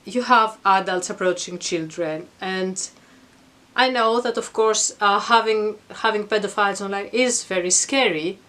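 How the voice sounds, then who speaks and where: A woman's voice: mid-range voice, a little slow, fairly bright tone. A middle-aged woman giving an informal explanatory talk to camera in a reflective, earnest, conversational manner. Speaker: vlogger. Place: attic at home.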